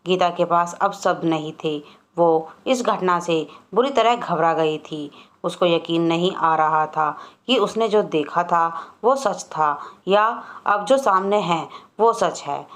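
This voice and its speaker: Woman reading a spooky story, lowish voice, slow and dramatic. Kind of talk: scripted horror story narration.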